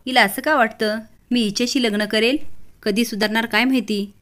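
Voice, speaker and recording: A woman's voice: on the high side, fairly even intonation, fairly quick, natural voice. A woman voicing an arrogant, dismissive young man in a family drama story. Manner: dismissive and sharp.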